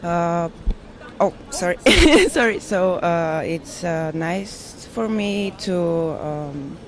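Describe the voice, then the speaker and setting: Slow, hesitant woman. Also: on the low side, lively intonation. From Bulgaria. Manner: hesitant, apologetic, laughs often. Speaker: passer-by interviewee. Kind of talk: street interview answers. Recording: clear street noise behind.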